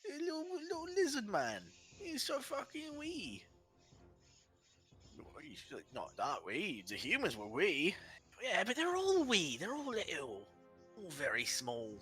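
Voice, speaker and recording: Dim-witted game ogre, dopey cartoon bellow, swooping pitch, bright edge. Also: male voice, huge pitch swings, unhurried, soft background music, heavily acted. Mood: dopey, mocking. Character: dopey bellowing giant and ogre band, slow-witted brute.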